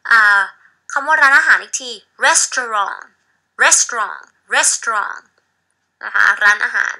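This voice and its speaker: A woman English teacher reads each model sentence very slowly and clearly. Her voice is bright and sits a little high, and she drops into quick explanations between sentences. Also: rough recording. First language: Thai. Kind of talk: slow model reading with Thai explanations.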